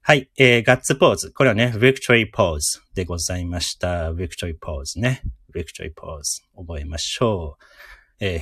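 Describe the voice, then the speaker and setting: A man hosting a casual live radio lesson, chatty and encouraging, who repeats each word slowly for listeners to drill. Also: low voice, a bit bright, no echo, studio quality. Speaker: radio host teaching English words.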